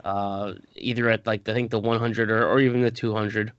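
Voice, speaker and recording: A man co-hosts a casual podcast about a tabletop game. He rambles, often restarting his sentences, and jumps into animated bursts. His voice sounds dry, close and slightly dull, like lo-fi podcast audio. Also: lowish voice, a little fast, clean tone, dry recording. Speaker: podcast co-host.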